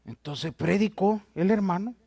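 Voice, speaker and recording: A man's voice: high-pitched, a little slow, gravelly, dark tone, no room sound, clean studio sound. A male pastor, telling stories in a sermon and often addressing his listeners as "brother". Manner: storytelling, addresses listeners as "hermano".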